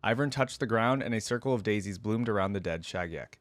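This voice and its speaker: This host of a game lore reaction video has a fairly low voice and delivers briskly and animatedly, reading the story aloud and reacting with casual, slangy asides. There's no echo.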